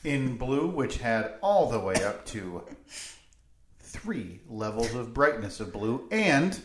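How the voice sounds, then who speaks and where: A man's voice: medium pitch, sing-song, slow, background noise. A man chatting casually as a podcast co-host, in a poor-quality recording. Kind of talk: casual chat. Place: makeshift podcast studio. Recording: roomy echo, music underneath, poor audio quality.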